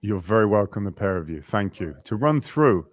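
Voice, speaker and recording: A man with a very low voice hosts a live webinar. He talks over a video call in a dry, close sound, and he is lively and chatty as he greets viewers and runs through slides. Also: moderate pace, no echo. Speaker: webinar host.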